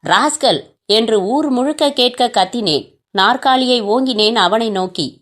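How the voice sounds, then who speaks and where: Woman narrator, novel reading, fairly high voice, steady storytelling. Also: unhurried.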